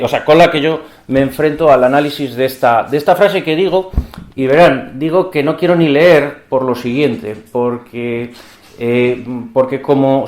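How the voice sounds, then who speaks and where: Man lecturing in an echoey hall. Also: medium pitch. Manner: discursive, asks the audience rhetorical questions. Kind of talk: academic conference lecture.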